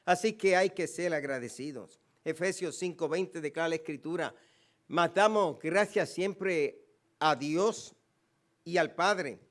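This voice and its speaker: A man's voice: on the high side, measured pace, a bit bright. A man with a Puerto Rican Spanish accent, a pastor preaching a sermon, emphatic, with repeated phrases and quoted scripture. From Puerto Rico.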